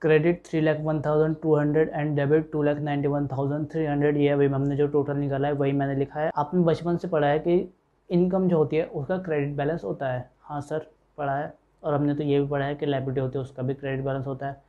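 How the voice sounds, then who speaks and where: A man's voice: on the high side, level tone, fast talker, narrow, tinny audio. A man teaching an accounting lecture, explaining step by step and voicing his students' questions himself. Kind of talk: classroom lecture.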